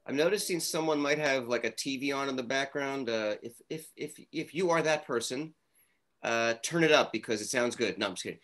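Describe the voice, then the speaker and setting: A man's voice: mid-range voice, a little fast, fairly bright tone. Male class leader on a video meeting: informal, encouraging, jokey, mid-range voice. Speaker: prayer class leader, cantor. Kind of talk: informal online class facilitation.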